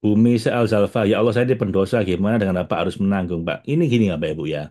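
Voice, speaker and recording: A man gives a relaxed spiritual talk. He speaks as a teacher, chatty and direct with his listeners, often breaking into laughter. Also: fairly low pitch, racing. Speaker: religious teacher.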